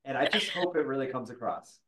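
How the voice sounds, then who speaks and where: Southern guy hosting a podcast, easygoing and teasing, medium pitch. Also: animated, fairly quick, background noise. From American South. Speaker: podcast host. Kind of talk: casual chat.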